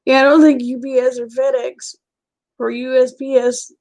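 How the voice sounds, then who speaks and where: A woman's voice: high-pitched, little pitch movement, a little mellow. An American woman chatting casually and a little unfocused from lack of sleep, in a folksy, homey way with endearments, as if to livestream viewers. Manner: sleep-deprived, unfocused, slow to follow. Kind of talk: casual rambling chat.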